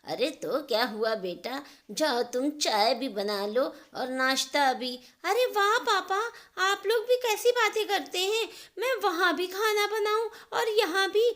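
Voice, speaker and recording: A woman voicing a spoiled, sulky young married daughter who complains in a whiny, shrill way. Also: lively intonation, a little slow, few pauses, a bit bright, heavily acted. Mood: petulant angry.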